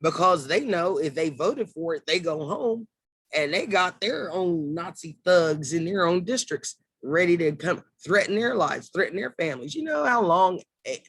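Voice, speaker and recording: A man's voice: sits high, normal speed, breathy edge, no echo. Fired-up man, dry close sound. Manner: heated, swears, acts out quotes in lively asides. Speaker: political commentator. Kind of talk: impassioned political monologue.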